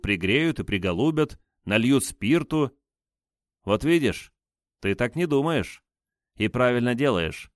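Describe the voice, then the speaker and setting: A man's voice: mid-range voice, dry recording, clean studio sound, pitched above the performer's own voice. A man doing a taunting sarcastic interrogator. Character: mocking male wartime interrogator.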